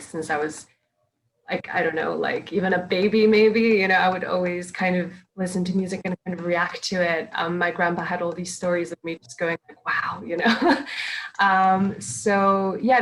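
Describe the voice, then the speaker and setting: A woman's voice: fairly low pitch, fairly bright tone, rough recording. A young woman who grew up in Serbia and China, answering interview questions in a chatty, hesitant way with lots of fillers. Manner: chatty and hesitant, many fillers, laughs often. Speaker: musician guest.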